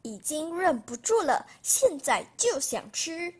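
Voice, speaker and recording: A woman's voice: very high-pitched, big pitch swings, slow pace, exaggerated voice. A woman voicing a sulky little wolf. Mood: stubborn. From Malaysia. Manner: pouting, insistent refusals. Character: small, wistful young wolf, sulky. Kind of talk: storybook reading.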